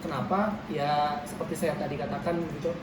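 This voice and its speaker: A man's voice: a little high, steady tone, fairly quick. A man in his twenties, an office worker, answering interview questions hesitantly with fillers. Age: 20s. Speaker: private company employee. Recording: echoey, distant mic, loud background noise.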